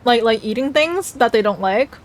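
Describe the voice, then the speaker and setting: Woman streamer, slightly high voice, chatting casually with her viewers between bites. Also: expressive, normal speed. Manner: chatty, reacts to chat messages aloud, talks while eating. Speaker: livestreamer.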